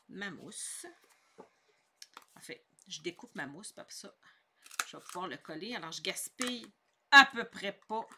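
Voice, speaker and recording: A woman's voice: mid-range voice, sharp tone, slight background noise. A middle-aged woman with a Québécois French accent, giving a chatty, upbeat scrapbooking tutorial and explaining each step. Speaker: scrapbooking instructor. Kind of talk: casual craft tutorial.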